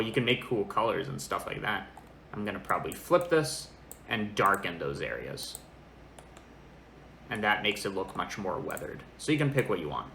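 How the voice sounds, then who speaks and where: A young man in his twenties giving a casual software tutorial, thinking aloud informally as he works. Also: fairly low pitch, gravelly. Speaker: tutorial presenter. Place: small indoor room. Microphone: makeshift microphone, not the usual good one. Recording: echoey room, fan noise, lesser microphone. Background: fan noise, computer keyboard.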